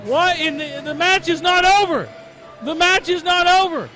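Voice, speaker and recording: A man's voice: extremely high pitch, expressive, normal speed, sharp tone, soft background music. A man working as a wrestling commentator, calling the action in dramatic exclamations and rhetorical questions. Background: crowd at a wrestling event.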